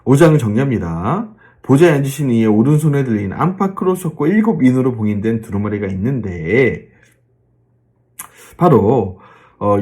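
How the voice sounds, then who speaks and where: A man, a pastor, giving a Bible lecture and asking his listeners questions along the way. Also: mid-range voice. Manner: animated, drawn-out fillers, rhetorical questions to the listeners.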